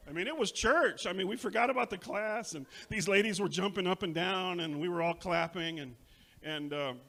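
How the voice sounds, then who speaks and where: A man preaching a sermon, saying each line in Spanish and then again in English, building to loud shouted peaks. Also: high-pitched, moderate pace, vocal fry. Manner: impassioned, swells to shouting on key lines. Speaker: pastor. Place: church sanctuary.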